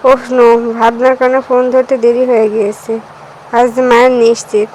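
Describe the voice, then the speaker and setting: A timid young pregnant wife pleads and apologizes, meek and nervous, as a woman narrator reads her lines. Her voice is high and level in pitch, and a soft hiss runs underneath. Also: little pitch movement, normal speed, natural voice, low-quality recording. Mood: meek pleading. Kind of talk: audiobook character voice.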